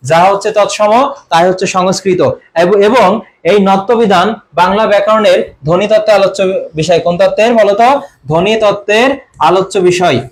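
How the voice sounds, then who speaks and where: A young man teaching an online exam-prep grammar class, often quizzing his students and clearing his throat. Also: sits high, fairly even intonation, fairly quick. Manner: quizzing students with repeated questions. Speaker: admission coaching teacher.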